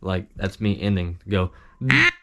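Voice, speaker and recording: A man giving an informal instructional talk as an amateur hunter, modest and halting in how he explains things. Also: on the low side, fairly even intonation. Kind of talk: casual instructional talk with demonstrations.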